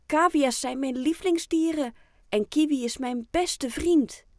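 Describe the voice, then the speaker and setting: A bashful little penguin boy, as a woman narrator puts him on in a children's audiobook, his voice lifted high above hers and delivered slowly. He speaks softly and earnestly. The sound is close and dry. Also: no room sound. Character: shy stubborn young penguin boy.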